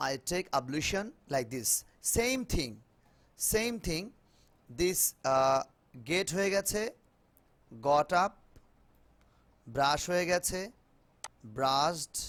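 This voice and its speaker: Slow-talking Bengali-accented male teacher. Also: fairly high pitch, a bit bright. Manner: mixes Bengali and English, repeats words slowly for students. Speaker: English teacher. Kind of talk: online spoken English class. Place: video call.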